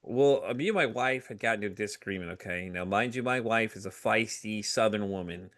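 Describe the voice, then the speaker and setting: A middle-aged man talking candidly as a podcast guest, animated, with frequent fillers and voices for people he quotes. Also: on the low side, fairly quick. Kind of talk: candid conversational storytelling.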